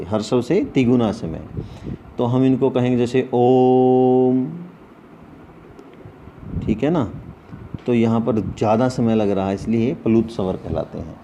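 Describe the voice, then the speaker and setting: A man teaching an online Sanskrit class, slowly listing sounds and posing questions to his students before answering them himself. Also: mid-range voice, dark tone, slight background noise. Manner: slow, repetitive, asks questions then answers them.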